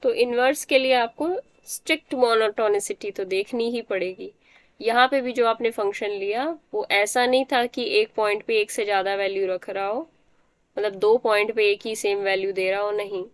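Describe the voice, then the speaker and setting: A woman's voice: medium pitch, steady tone, moderate pace, clean tone, no echo. A woman teacher giving a math lecture, explaining step by step and often checking that the students understand.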